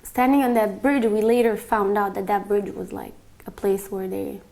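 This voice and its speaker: A young woman from Bosnia giving a reflective personal testimony, soft-spoken and full of small fillers. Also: mid-range voice, level tone, moderate pace, gravelly. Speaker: interviewee.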